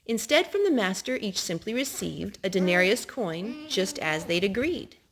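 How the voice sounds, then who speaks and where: A woman reads picture books to young children at a moderate pace in a mid-range voice. Her delivery is lively, punching key words and asking questions to engage them.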